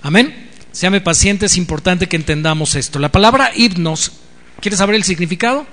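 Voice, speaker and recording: Male preacher, high voice, teaching sermon, long church reverb. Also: moderate pace, a bit bright. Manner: teaching, repeats key words with rising emphasis and frequent amens.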